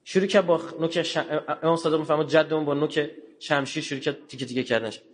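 A man giving a religious lecture in a colloquial way, telling stories and acting out the dialogue, with sudden low, quiet asides. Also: steady tone, slight background noise. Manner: colloquial, acts out dialogue in quotes.

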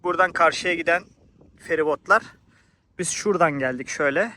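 High-pitched man hosting a casual travel vlog. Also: a little fast, slight background noise. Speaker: vlog host. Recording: loud music behind the voice. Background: music.

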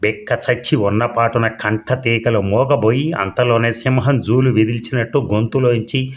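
A male storyteller narrating a comic audiobook story in a measured, expressive way. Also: medium pitch, dull audio.

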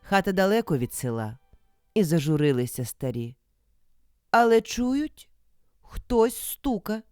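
An actress with a Ukrainian accent, reading a folk fairy tale aloud in an expressive, dramatic way. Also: female voice, lowish voice, a little slow, smooth, no room sound, studio quality, soft background music. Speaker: actress narrator. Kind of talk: storybook reading.

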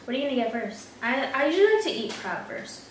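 A young woman hosting a casual chat over a meal, relaxed and chatty, with lots of fillers. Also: high-pitched, fast, far from the mic, background noise. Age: young adult. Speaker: vlogger and hairstylist. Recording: roomy echo from off-mic.

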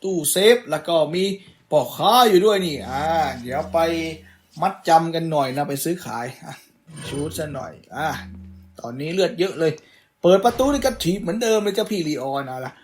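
A man's voice: fairly high pitch, animated, a little fast. Playful young man commentating a game. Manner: playful, teasing the enemies while playing. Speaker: gaming YouTuber. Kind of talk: casual let's-play commentary.

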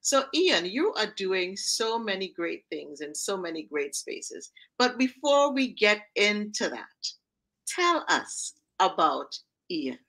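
Slow and sing-song, her mid-range voice bright and forceful, a middle-aged host of Trinidad and Tobago heritage interviews a guest via video call from home. She carries a slight Trinidadian accent and works as a talk show host and mental fitness coach. Her style is warm, upbeat, enthusiastic and encouraging.

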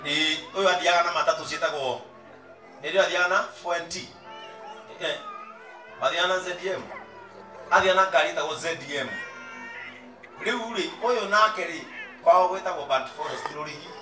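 A man in his thirties preaching in a large outdoor tent on a handheld mic. He tells stories and then shouts his sermon points. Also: on the high side, fairly quick, long pauses, far from the mic. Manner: switches from storytelling to shouted preaching. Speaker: pastor. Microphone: handheld mic, pacing the stage. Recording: roomy tent sound, off mic, faint music and crowd.

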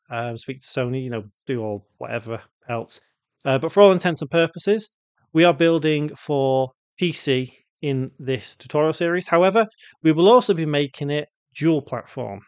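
A man with a slightly high voice gives an unscripted software tutorial with no room sound, walking through each step and asking himself questions that he then answers.

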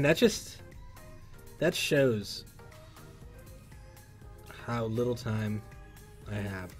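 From a PC workshop, a man hosts a casual livestream, reading out viewer comments in a loose, chatty manner punctuated by loud bursts of excitement. His pitch is mid-range, and faint music can be heard in the background.

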